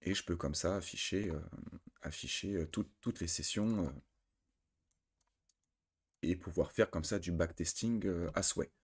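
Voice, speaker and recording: A man from France giving a step-by-step trading software tutorial, talking through settings with frequent fillers and self-corrections. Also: low-pitched, unhurried, pauses often, slightly rough. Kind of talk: screen-recorded software tutorial.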